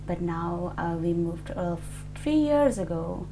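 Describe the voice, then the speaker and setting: A woman's voice: on the low side, lively intonation, measured pace, noisy background. A woman in her twenties from Nepal, answering an oral history interview hesitantly, with many fillers and restarts. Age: 20s.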